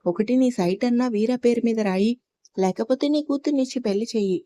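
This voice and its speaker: Roni, a cocky swaggering henchman, sneering and threatening, close and dry, in a storybook reading, as a woman narrator puts him on. The voice sits fairly high with a mellow, warm tone. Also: quick pace, no echo, close to an everyday voice. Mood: menacing. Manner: mocking, threatening. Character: cocky menacing male thug, swaggering henchman.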